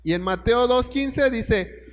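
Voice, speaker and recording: Preacher guy, high voice, storytelling sermon, long church-hall reverb. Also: takes it slowly. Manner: storytelling, speaks straight to listeners, rhetorical questions.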